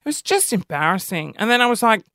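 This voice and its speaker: A high-pitched male podcast host tells a story in a casual monologue, animated and self-deprecating, his voice jumping between high and low tones. He talks fast, and the sound is clean studio audio with no echo.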